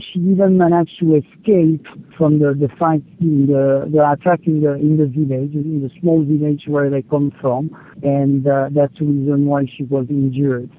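Speaking over a distorted satellite phone connection, a man who coordinates aid in the field responds to an interview in a fairly high-pitched voice. His answers come haltingly, broken up by frequent pauses and fillers.

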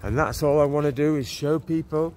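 A man's voice: fairly high pitch, a little fast, darkish tone. A man in his forties preaching while he walks outdoors, talking earnestly into a phone at arm's length, rambling with restarts. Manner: earnest, rambling, with many restarts and "you know". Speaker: street preacher. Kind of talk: walk-and-talk preaching vlog. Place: outdoors on a leafy town street and park. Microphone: phone camera held at arm's length. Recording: faint street noise and passing cars.

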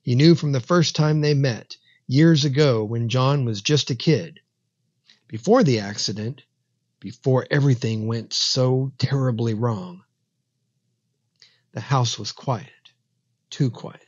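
A man narrates a horror story in a slow, measured, dramatic delivery. His mid-pitched voice sits in a dry, close recording with a dull, lo-fi tone. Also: no echo.

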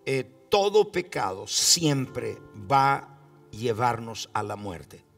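Man, pastor, sermon, gravelly, distant mic, faint background music. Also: mid-range voice, very animated, fairly bright tone. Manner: preaching slowly with fillers, calling the congregation to respond.

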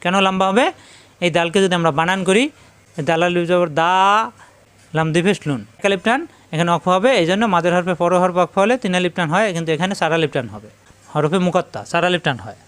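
High, clear-voiced man drilling letters. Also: quick pace, fairly bright tone. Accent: Bangladeshi Bengali. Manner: drills each letter, spelling it out and repeating it; addresses students directly. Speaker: Quran reading teacher. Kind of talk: letter-by-letter pronunciation lesson.

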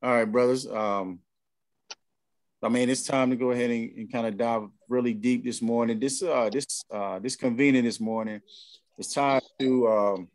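A man's voice: mid-range voice, fairly even intonation, normal speed, a little mellow, no echo. American man hosting, dry close sound. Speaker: discussion host. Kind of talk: casual group discussion. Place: online video call.

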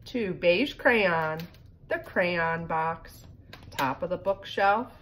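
In a fireplace-lit living room, a middle-aged woman reads a children's picture book extremely slowly, dropping in casual remarks. Her fairly low voice is expressive and a bit bright. The audio comes from a phone propped in front of her and carries background noise.

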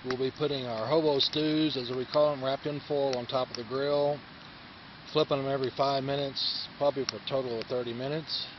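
Filming a vlog at a riverside forest campground, a man walks viewers through his campsite step by step in a relaxed way. His medium-pitched voice is steady and brisk, and the handheld camera mic yields dull home-video sound with a faint hiss from outdoors.

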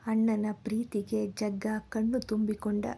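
A woman storyteller reading a scripted story in a calm, measured way. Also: medium pitch, vocal fry, slightly rough.

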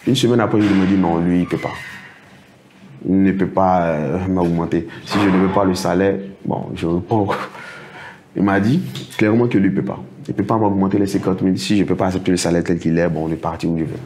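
Middle-aged man, low dark voice, interview guest who tells anecdotes and acts out dialogue. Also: fairly even intonation, brisk, slight background noise. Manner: recounts anecdotes, acts out others' words. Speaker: interview guest, project financing consultant. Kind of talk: storytelling in a casual interview.

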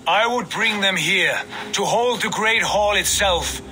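An actor playing a grave, watchful Norse warrior god in a video game, speaking in a formal, declamatory way. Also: male voice, high voice, measured pace, sharp tone, a little hiss or hum, heavily acted. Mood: urgent.

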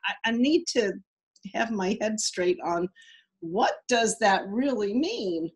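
A woman's voice: medium pitch, animated, slow pace, breathy edge. A woman with a New York accent joining a casual webinar chat, rambling and full of fillers. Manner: chatty and rambling, with many fillers. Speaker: webinar participant.

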